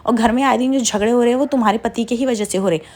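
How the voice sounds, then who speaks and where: A woman's voice: fairly high pitch, very fast, a little mellow, natural voice. A woman voicing a haughty, defensive young wife from a TV serial, who scolds in an indignant way.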